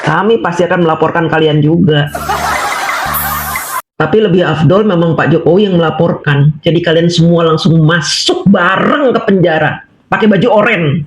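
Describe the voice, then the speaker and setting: A woman's voice: fairly low pitch, moderate pace, lo-fi sound, soft background music. A woman vlogger ranting in an angry monologue, scolding and mocking her target with repeated taunting questions. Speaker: political vlogger. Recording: echoey room with clear background noise.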